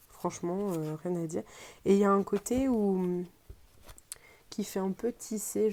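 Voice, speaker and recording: A woman with a French accent gives a relaxed unboxing presentation. Her voice is slightly low and very mellow. She speaks hesitantly, often pausing to search for the right word. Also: gravelly, a little hiss or hum. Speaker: tarot deck reviewer.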